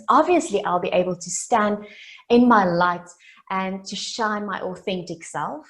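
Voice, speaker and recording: A South African woman in her late twenties, a native Afrikaans speaker, gives an earnest motivational keynote as a summit speaker. Her voice is lowish and creaky, and she builds her story through deliberate repetition.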